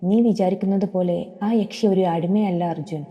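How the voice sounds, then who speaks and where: Woman doing a calm young lover, gentle steady talk, low dark voice, reverberant. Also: moderate pace, muffled recording, close to an everyday voice. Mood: calm tender. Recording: long hall reverb.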